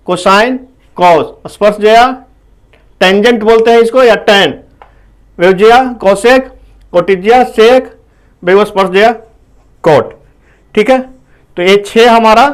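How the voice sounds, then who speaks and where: A man gives a whiteboard math lesson at a slow, unhurried pace. His voice sits high for a man. He poses questions to his students and checks in with "okay" after each point. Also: smooth. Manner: explains slowly, asks the class questions; keeps saying "okay" between points. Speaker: math teacher.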